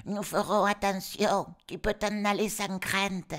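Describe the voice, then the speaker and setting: Cheeky squeaky goat kids. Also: male voice, fairly even intonation, a little slow, a bit bright. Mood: reassuring. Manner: mocking, scolding, slangy back-talk. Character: seven cheeky young goat kids, defiant.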